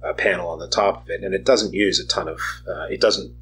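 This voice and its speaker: A man's voice: low voice, fairly even intonation, a little fast, a bit bright, slight background noise, low-quality recording. A man co-hosting a podcast, giving rambling casual advice with many restarts and asides. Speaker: podcast co-host.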